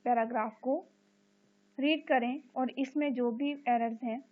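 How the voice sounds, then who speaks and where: Teacher with a tinny phone-like sound. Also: female voice, fairly high pitch, fairly even intonation. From Pakistan. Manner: reads English slowly, explains in Urdu, frequent "okay". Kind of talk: recorded classroom lecture.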